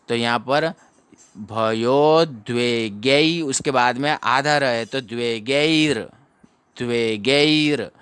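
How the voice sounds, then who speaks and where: Male recitation teacher, unhurried, splits words into syllables and repeats them. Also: medium pitch, a bit bright, clear, resonant tone, no room sound. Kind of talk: slow syllable-by-syllable chanting lesson.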